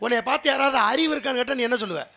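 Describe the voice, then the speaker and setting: A man's voice: extremely high pitch, racing, bright, forceful tone, heavily acted. A man playing the sage Narada on a Tamil folk stage, lecturing through rhetorical questions. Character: sage Narada, older man, lofty and needling. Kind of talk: Tamil street-theatre stage dialogue.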